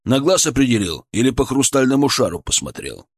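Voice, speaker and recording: A man's voice: mid-range voice, sing-song, brisk, breathy edge. A seasoned paramedic of about forty who talks in a blunt, mocking way and barks his questions, as an audiobook narrator puts him on. He sounds hard-nosed and impatient, someone who trusts no stranger. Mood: brusque. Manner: brusque, mocking, commanding. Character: gruff skeptical male paramedic around forty.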